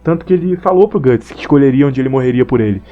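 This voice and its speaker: A young Brazilian-accented man delivers an offhand, slangy opinion piece on an anime, rambling and sometimes reading from notes. His mid-range voice is expressive and racing, captured in narrow, tinny audio.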